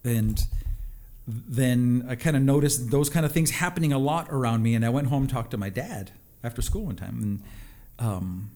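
Middle-aged male, mid-pitched, halting and reflective conversational storyteller. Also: expressive, darkish tone. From a North American reservation. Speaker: interview guest, psychologist and musician. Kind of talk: casual personal storytelling.

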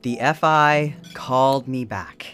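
A woman's voice: extremely low pitch, slow pace, fairly bright tone, soft background music, full character voice. A woman playing an earnest archivist in an audio drama, hesitant when pressed. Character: calm archivist Phe, earnest woman host.

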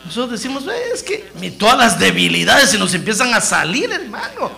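Hombre, predicador, sermón animado, entonación muy expresiva, voz brillante. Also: male voice, high-pitched, brisk, creaky. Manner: lively, animated preaching that acts out dialogues. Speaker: preacher. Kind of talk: sermon.

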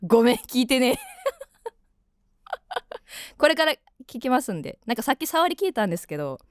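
A woman's voice: a little high, big pitch swings, normal speed, no room sound, studio quality. A young woman in her twenties with a Kansai accent, chatting casually as a radio host and rambling through lots of fillers.

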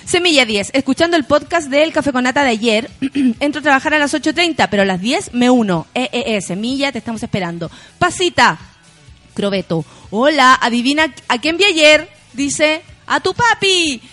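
A woman's voice: high voice, expressive, moderate pace, fairly bright tone, faint music behind. A Chilean woman hosting a morning radio show, chatting casually and reading listener messages aloud. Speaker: radio host.

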